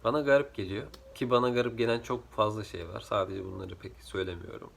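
A drowsy man chatting casually in a rambling vlog, his voice rough from just waking up, with slightly muddled L and R sounds. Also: lowish voice, fairly even intonation, quick pace, slight background noise. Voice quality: trouble pronouncing L and R sounds. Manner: sleepy, rambling, jumps between topics. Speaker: vlogger.

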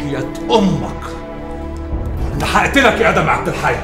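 An actor playing a furious, humiliated Egyptian police officer who snarls threats and shouts. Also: male voice, a little high, lively intonation, normal speed, roomy sound, over music, lightly acted. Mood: menacing. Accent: Egyptian Arabic.

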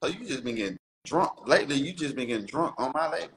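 Brief: demanding label-boss type, bright edgy tone, lively swings in pitch. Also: male voice, fast, a little hiss or hum. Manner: bossy, demanding. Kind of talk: rowdy live-stream banter.

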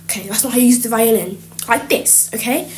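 A woman's voice: fairly high pitch, fairly quick, a little mellow, voice pushed down, close to an everyday voice. Woman doing a flustered pleading teacher. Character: flustered teacher losing control of class. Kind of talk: toy-game roleplay voiceover.

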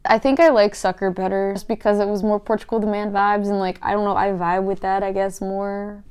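A woman's voice: medium pitch, level tone, fairly quick, darkish tone, clear, resonant tone. Hungover young woman, tired casual chat. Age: 20s. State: hungover, exhausted, with a headache. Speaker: reaction video host. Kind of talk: casual chat reacting to a music video. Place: small indoor room at home.

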